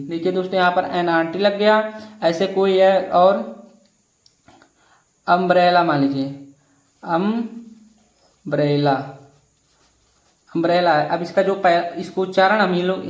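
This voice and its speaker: Man, teacher, grammar lesson, high voice, repeats things patiently, echoey room. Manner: repetitive, explains step by step, addresses viewers as friends. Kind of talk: grammar lesson explaining rules.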